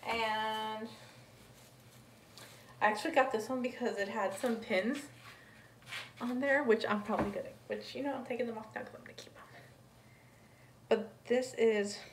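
A woman's voice: a little high, steady tone, moderate pace, long pauses, a little hiss or hum. Chatty woman, roomy distant recording. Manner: chatty, rambling item-by-item descriptions. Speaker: thrift reseller vlogger. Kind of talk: casual haul vlog. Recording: roomy, distant mic, faint ambience.

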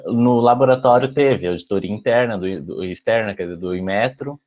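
A man's voice: fairly low pitch, fairly quick. A young man, a former student, talking hesitantly and laughing often in a casual panel chat. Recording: dull lo-fi call audio.

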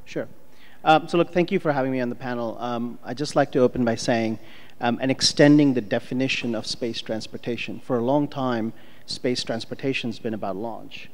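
Businesslike panelist with a handheld mic. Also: male voice, medium pitch, a little fast. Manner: fluent, businesslike, with filler ums. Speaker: startup co-founder, panelist. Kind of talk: conference panel remarks. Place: large conference hall stage, indoors. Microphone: handheld microphone. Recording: long reverb of a conference hall.

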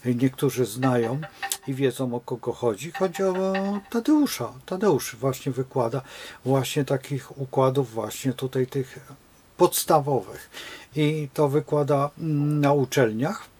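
A man's voice: medium pitch, unhurried, warm tone, slightly rough. An older man from Poland giving a rambling, digressive informal talk as an astrologer to his followers, with many hesitations and wry chuckles.

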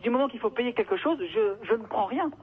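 Fast, high-voiced man over the phone. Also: lively intonation. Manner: flustered, keeps protesting with repeated "non, non". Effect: heard over a telephone line. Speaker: employee of a trucking firm answering a call. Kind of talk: unscripted phone conversation. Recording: noisy, narrow telephone line.

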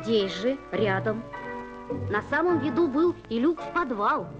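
A woman narrating a scripted children's documentary newsreel in measured storytelling phrases with deliberate pauses, on an old film soundtrack with music. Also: a little high, expressive. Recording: dull 1980s film soundtrack, music behind.

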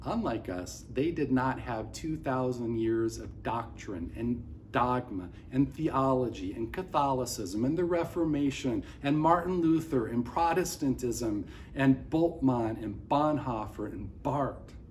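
Unhurried and slightly mellow, this medium-pitched middle-aged pastor delivers an earnest sermon close to the camera in an indoor room, his open hands moving as he speaks. Behind him, a large window looks out on office towers; the recording carries a faint hiss or hum.

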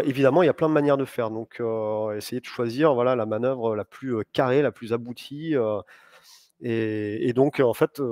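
A man's voice: mid-range voice, darkish tone. A man in his thirties speaks at an indoor conference as a sailing instructor, explaining step by step with frequent hesitations. His voice sounds dry and close, with little room echo. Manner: thoughtful, explanatory, with fillers. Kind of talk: conference talk. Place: large sailing showroom, indoors.

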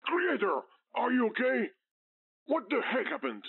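A man's voice: very high voice, measured pace, husky, phone-quality sound, heavily acted. A man voicing a chatty, sarcastic male game program who jokes and talks to himself. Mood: animated. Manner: animated, joking, talking to himself.

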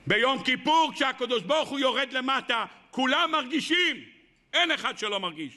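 A male rabbi preaches with impassioned storytelling and acts out the voices in his stories. His voice sits very high and rings bright. He speaks directly and with animation to a listening audience. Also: expressive. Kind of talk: sermon.

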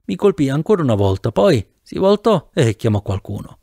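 A man reading a novel aloud in the first person with an animated, theatrical delivery, close to the mic. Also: mid-range voice, normal speed, vocal fry, no echo. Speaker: audiobook narrator. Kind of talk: expressive audiobook narration.

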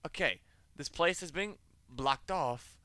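A man's voice: a little high, slow, bright, forceful tone, no echo. A man giving casual horror game commentary as a scared streamer, jumpy and talking to himself and to the game.

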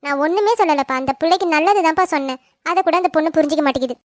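A woman's voice: high-pitched, very fast, no room sound, clean studio sound, natural voice. A woman voicing a worried, fretful middle-aged mother in a cartoon family drama. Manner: fretful, complaining.

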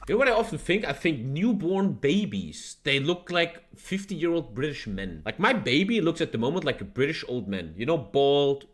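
A man, hosting a casual reaction video, animated, swearing freely and laughing often. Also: on the high side, moderate pace, few pauses. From Germany. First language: German.

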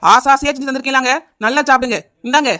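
A woman's voice: high-pitched, fairly even intonation, fast talker, bright, forceful tone. A woman voicing a young village wife in a cartoon comedy, with a Kanyakumari Tamil accent, pleading and insistent. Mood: coaxing. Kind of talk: animated cartoon comedy dialogue.

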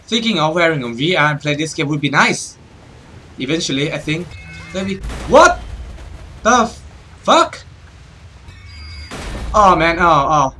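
Bright-voiced, swearing gaming YouTuber. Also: male voice, fairly high pitch, normal speed, soft background music. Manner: swearing, startled exclamations. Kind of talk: let's play commentary.

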